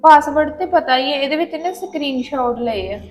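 Talkative sister-in-law, woman actor, Punjabi accent, high pitch. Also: expressive, normal speed. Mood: chatty. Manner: chatty, proud of new phone. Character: talkative married woman visiting neighbors. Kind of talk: Punjabi family drama acting.

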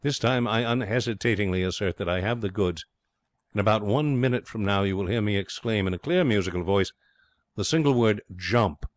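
In a comic fiction reading, a man gives voice to a breezy, self-satisfied young schemer, florid and cajoling with cheerful pomposity. His voice sits on the low side, close to everyday speech, a little fast and without echo. The mood is grandly enthusiastic.

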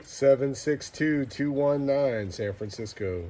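Male CB operator, unhurried clipped call-outs, mistuned ham radio sound, very noisy signal. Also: mid-range voice. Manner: clipped call signs and place names. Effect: mistuned ham radio, single-sideband. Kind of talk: repeated CB radio calls.

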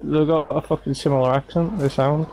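A man's voice: a little high, steady tone, a little fast, background noise. A man arguing bluntly and swearing with his squad over game voice chat. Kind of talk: casual banter.

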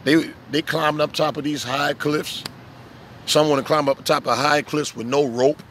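A man preaching casually outdoors as a street preacher, telling animated stories and acting out little voices. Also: a little high, moderate pace, slight background noise. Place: outdoors in the sun.

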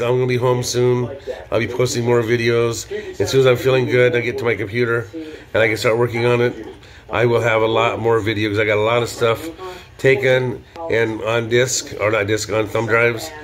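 A man's voice: medium pitch, level tone, moderate pace. An older man vlogging in a casual, rambling way, full of ums and restarts. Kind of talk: casual video diary chat. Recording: busy crowd noise behind.

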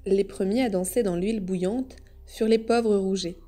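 A woman reading a classic children's story aloud in measured storyteller narration. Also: medium pitch, steady tone, mellow, soft background music. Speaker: audiobook reader. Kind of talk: scripted narration.

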